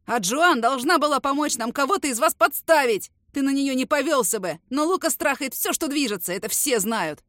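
A woman's voice: high-pitched, expressive, fairly quick, hardly any pauses, fairly bright tone, dry recording, pitched above the performer's own voice. A woman voicing a cowardly young man who wails and pleads through tears. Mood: sobbing. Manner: wailing, pleading, crying.

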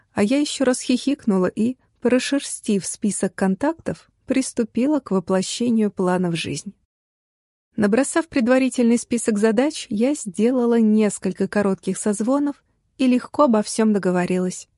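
A young woman reading a first-person novel aloud in a lively, wry storytelling voice. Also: medium pitch, no room sound, clean studio sound. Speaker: audiobook narrator. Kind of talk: first-person audiobook narration.

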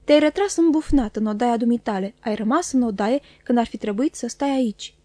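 A woman reading the part of a cold, stern man who speaks slowly and gravely, with commanding authority. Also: fairly high pitch, dark tone, dry recording, close to an everyday voice. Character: stern, cold middle-aged man, harsh stepfather.

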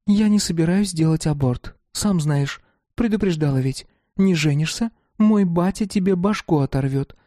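A man's voice: on the high side, moderate pace, mellow, no echo, clean studio sound, voice pushed up, lightly acted. A man voicing a brash, harsh young woman who talks bluntly and coarsely. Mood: hard.

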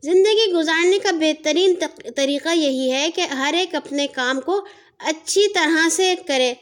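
Wise gentle female key with a high bright voice, soft and patient, children's story, a woman doing it. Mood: teaching.

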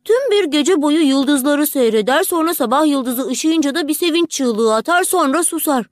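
A woman narrating a fairy tale audiobook in a measured, expressive storytelling manner. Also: sits high, dry recording, clean studio sound. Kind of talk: scripted narration.

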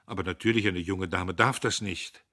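A man's voice: low-pitched, steady tone, normal speed, sharp tone, no room sound, studio quality, exaggerated voice. A man reading aloud, voicing a pompous, cowardly young man who speaks in a raised, insistent, self-satisfied way. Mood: boastful.

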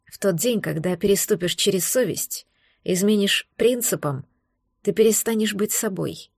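A woman voicing a calm, wise male starship captain who speaks softly and measuredly. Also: medium pitch, moderate pace, creaky, husky, dry recording, clean studio sound. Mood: gentle.

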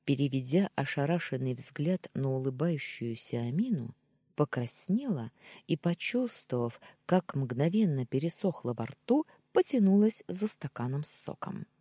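A woman narrating a first-person story, expressive and giving the dialogue its own voices. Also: very deep voice, normal speed, slightly rough, no echo, studio quality. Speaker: audiobook narrator.

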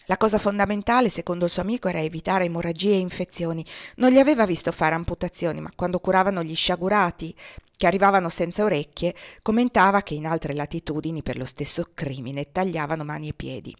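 A woman's voice: fairly low pitch, quick pace, no echo, studio quality. A woman narrating a novel as an audiobook, reading expressively and dramatically. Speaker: audiobook reader.

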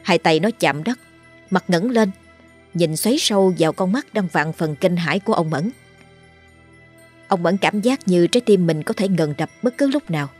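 A woman narrating a horror story in a steady, dramatic way. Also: lowish voice, moderate pace, slightly rough. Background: faint music.

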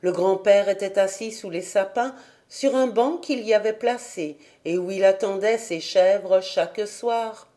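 A woman reading a children's classic aloud as an audiobook narrator in a slow, measured way. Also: medium pitch, mellow. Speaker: audiobook reader. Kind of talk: storybook narration.

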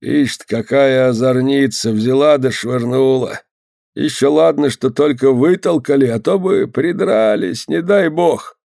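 A weary old man grinding an organ, as a male narrator puts him on. He speaks softly and slowly with tired sighs, in a dry close recording. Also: medium pitch, creaky, no echo, voice pushed up. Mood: fretful.

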